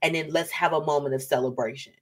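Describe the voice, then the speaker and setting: A woman's voice: sits low, steady tone, fast talker. A woman hosting a live online show in casual chat, encouraging and emphatic, often repeating words and phrases and checking in with little tags. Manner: conversational, often tags statements with "okay"; uplifting, encouraging.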